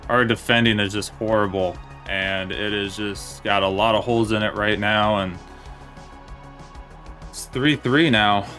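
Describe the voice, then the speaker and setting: Low-voiced man commentating his game. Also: a little slow, soft background music. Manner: plain, steady play-by-play with mild disappointment. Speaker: gaming commentator.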